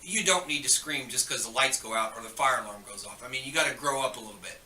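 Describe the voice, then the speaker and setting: A man's voice: medium pitch, quick pace, pushed and bright, echoey room, distant mic, a little hiss or hum, poor audio. A man giving chatty, joking school morning announcements, turning stern when he scolds students, heard over the school intercom.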